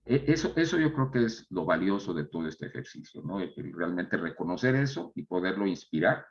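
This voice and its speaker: A man's voice: low-pitched, big pitch swings, fairly quick, lo-fi sound. A man, an entrepreneur and mentor talking reflectively as a guest, often restarting his phrases. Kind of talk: casual conversation.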